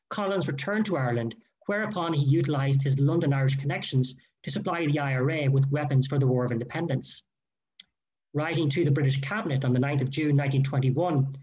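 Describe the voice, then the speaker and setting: Man, history lecture, formal and measured, slightly high voice, muffled lo-fi sound. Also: darkish tone. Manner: measured, careful delivery with quoted sources. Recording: dull lo-fi recording.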